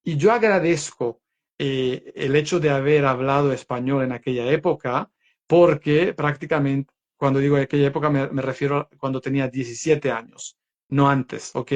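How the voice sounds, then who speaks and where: A man's voice: medium pitch, moderate pace, lo-fi sound. A young man from Croatia, speaking in a learned second language as an interview guest, telling his story earnestly and reflectively, with many fillers.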